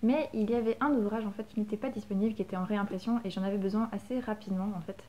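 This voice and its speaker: A young woman with a French accent chats casually through her latest book purchases. Her voice is mellow and warm, pitched in a middle range. She talks like a tired new mother, full of fillers and restarts. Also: steady tone, racing. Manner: chatty, many fillers and restarts. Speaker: book vlogger. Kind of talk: casual book haul chat.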